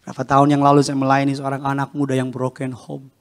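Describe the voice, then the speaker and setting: A male pastor preaching a sermon in a large church, dramatic and joking, swinging between hushed and loud. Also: mid-range voice, monotone, fast. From Jakarta, Indonesia. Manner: casual and joking with the congregation. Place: large indoor church, live-streamed service.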